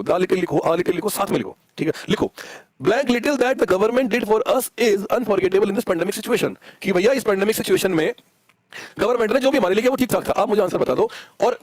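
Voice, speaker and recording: A man's voice: sits high, darkish tone, no room sound. A young man with an Indian accent teaching a live online English class, coaxing students and spelling words out letter by letter.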